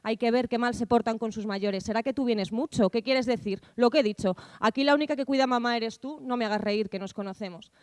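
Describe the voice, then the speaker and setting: A woman reading a theatre script with lively, bossy, gossipy family chatter. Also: fairly high pitch, brisk, no room sound, lightly acted. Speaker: actor reading stage directions and roles.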